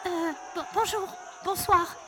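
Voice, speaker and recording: A shy, clever little girl from a storybook, voiced by a woman, hesitant and pleading. Her voice is high. Faint noise sits behind her. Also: fairly even intonation, slow pace, a bit bright, a faint crowd, heavily acted.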